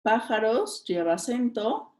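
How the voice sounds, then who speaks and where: A woman's voice: fairly high pitch, sing-song, unhurried, darkish tone. A woman teacher, reading exam questions aloud and talking through each answer, often checking in with her listeners. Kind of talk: exam review lesson.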